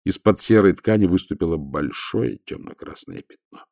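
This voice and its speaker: A man narrating an audiobook in a steady, measured way. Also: sits low, vocal fry, no echo, studio quality.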